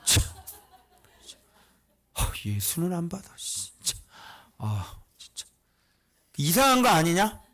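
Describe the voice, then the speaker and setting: A male pastor delivering a casual, conversational sermon. His voice sits slightly high and swings widely in pitch as he teases his listeners with rhetorical questions. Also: wildly swooping pitch, slow pace, long pauses, a bit bright. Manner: teasing, rhetorical questions to the congregation.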